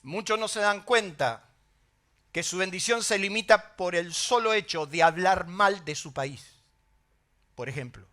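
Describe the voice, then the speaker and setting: A middle-aged Argentine man preaching a sermon as pastor, telling stories in an animated way with emphatic exclamations. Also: high voice, unhurried. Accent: Argentine Spanish.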